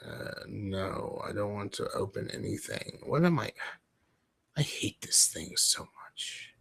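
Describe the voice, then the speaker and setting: Gravelly low man, put-on British-sounding accent. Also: very animated, measured pace, a bit bright. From Ohio, USA. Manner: rambling, self-deprecating, jokey. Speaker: livestream host. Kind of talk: casual rambling livestream. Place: dim room at home.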